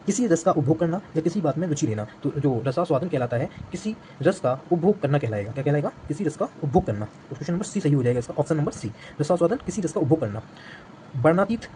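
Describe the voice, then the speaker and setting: A man's voice: on the high side, warm tone, a little hiss or hum. A man teaching an exam-prep language lesson, repeating each answer back as a quiz question.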